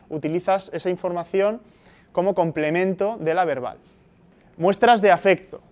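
A man's voice: high voice, clear, resonant tone. A man from Spain giving a university lecture, explaining step by step and checking in with frequent tag questions. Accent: Spanish from Spain.

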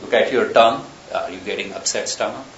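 A man's voice: lowish voice, a little fast, fairly bright tone. A man lecturing to a class, thinking aloud as he moves from one example to the next. The recording is roomy and echoey, a little muffled, with a faint hiss underneath. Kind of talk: university lecture. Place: lecture room.

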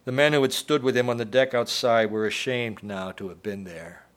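A man reading his own short story aloud to an audience at a college event, in a measured, steady storytelling manner. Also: medium pitch. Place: college humanities center event.

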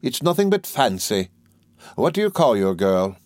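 A man's voice: medium pitch, very animated, normal speed, darkish tone, no echo, pitched above the performer's own voice, close to an everyday voice. A man voicing a domineering, brusque older English aunt in an audiobook, with emphatic, commanding delivery. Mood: brisk. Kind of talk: audiobook character voice.

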